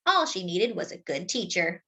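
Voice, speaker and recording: In a fairly low, husky voice, a woman reads a children's book like a storyteller. Her narration is expressive, with deliberate phrasing and words stretched out for emphasis.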